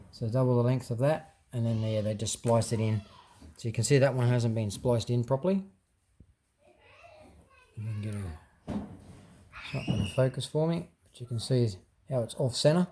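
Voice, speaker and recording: With a dark-toned, medium-pitched voice, a man casually explains a hands-on teardown, off the cuff and full of fillers and restarts. He's a hobbyist presenter, and a little hiss or hum is audible.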